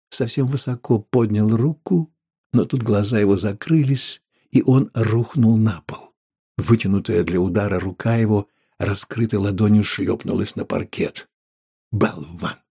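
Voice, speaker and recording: A man narrating an audiobook in a measured, grave way. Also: on the low side, creaky, warm tone, slightly rough.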